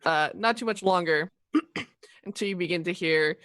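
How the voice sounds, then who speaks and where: Female game master, lower-set but bright voice, informal halting storytelling, dry close sound. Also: dry recording. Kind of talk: casual improvised narration of a tabletop game.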